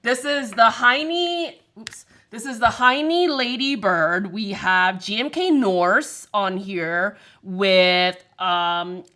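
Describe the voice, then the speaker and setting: A woman's voice: medium pitch, slow, few pauses, sharp tone, low-quality recording. A woman livestreaming, chatting casually and rambling to her chat, swearing freely.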